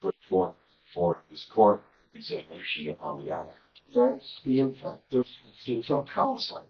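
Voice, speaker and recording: A man arguing as a defense attorney in a courtroom, soft-spoken and halting. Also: fairly low pitch, expressive, muffled recording, a little hiss or hum. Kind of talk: courtroom argument.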